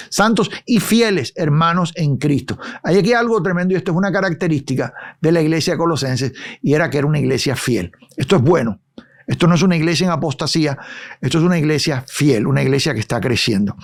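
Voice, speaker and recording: Man, Bible teacher, slightly high pitch, conversational, checks in with listeners. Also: creaky. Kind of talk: expository Bible study.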